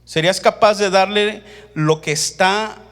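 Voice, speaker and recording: A man preaching a testimony sermon, telling a story with lively acted-out dialogue and then slowing to deliberate, emphatic points. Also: high-pitched. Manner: animated storytelling, acts out quoted voices, slows to deliberate emphasis.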